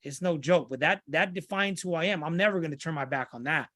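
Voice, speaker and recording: A man's voice: on the high side, fast, bright, forceful tone, no echo, studio quality. A middle-aged man from Santa Ana, California, speaking earnestly as a podcast interview guest. He repeats himself and restarts his sentences.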